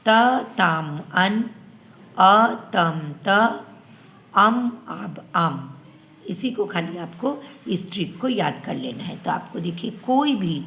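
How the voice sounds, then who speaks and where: A woman's voice: lowish voice, creaky, fairly bright tone. A woman teaching Sanskrit grammar to children, patiently repeating each ending so they can memorize it.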